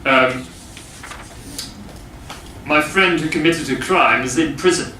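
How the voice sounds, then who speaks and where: A man teaching English grammar to a class, explaining slowly with many pauses and fillers. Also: fairly high pitch, pushed and bright, a little hiss or hum. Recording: echoey classroom from far off.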